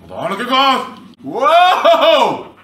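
A man reacting loudly to a virtual reality game, swearing and shouting in excitement. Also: extremely high pitch, takes it slowly, far from the mic. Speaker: presenter playing a VR game. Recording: echoey room, voice off-mic.

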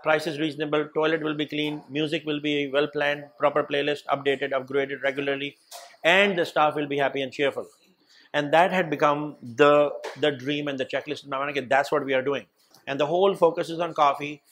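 A man's voice: on the high side, fairly even intonation, a little fast, a bit bright. A middle-aged man from Pakistan, a cafe owner, talking energetically in an interview and mixing Hindi-Urdu with English. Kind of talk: sit-down interview. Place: indoor studio set with dark wall.

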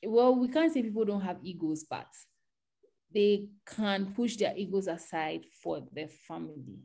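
A woman's voice: medium pitch, unhurried, gravelly, dark tone. A woman speaking as a guest on an online tech panel, giving earnest advice and often restarting her sentences.

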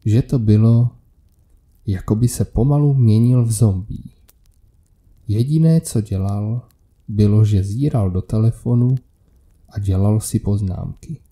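A man reading a scripted horror story aloud in a measured, steady manner. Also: lowish voice. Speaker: narrator.

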